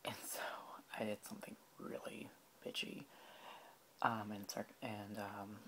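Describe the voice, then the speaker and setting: A tipsy man telling a rambling story in a soft-spoken ASMR style, often slipping into whispers. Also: lowish voice, flat delivery, a little slow, slight background noise. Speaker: ASMR creator.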